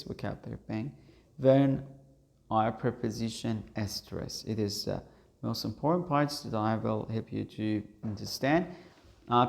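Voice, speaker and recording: Man, Persian native speaker, English teacher, online lesson, halting delivery with fillers, gravelly, unhurried. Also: medium pitch, darkish tone. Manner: slow, halting, many fillers.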